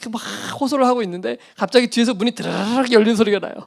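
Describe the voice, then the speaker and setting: A man's voice: very high-pitched, rapid-fire, creaky. A middle-aged male pastor telling a personal story in a sermon, acting out the voices and laughing at himself.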